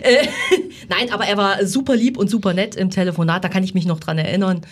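A woman's voice: mid-range voice, fairly even intonation, fast talker. A woman who works as a community radio presenter, chatting casually in a candid, jokey way.

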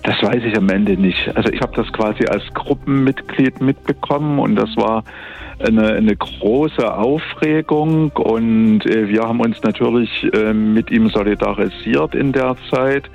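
Low gravelly guy from dresden on the phone, hesitant, lots of uhs, dull line. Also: measured pace, darkish tone, soft background music. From Dresden, Germany. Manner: thoughtful, hesitant with fillers and restarts. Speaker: academy director, phone guest. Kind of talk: phone interview. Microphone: telephone line.

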